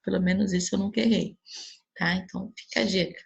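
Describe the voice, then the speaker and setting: A Brazilian woman teacher talks through a grammar review in a patient, steady way, often pausing to check that the class follows. Her voice is very gravelly and rough. It is also strongly husky, with a breathy edge. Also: mid-range voice, dull audio. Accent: Brazilian Portuguese. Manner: patient explaining with frequent checks like "né?" and "tá?". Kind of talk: recorded grammar review lesson.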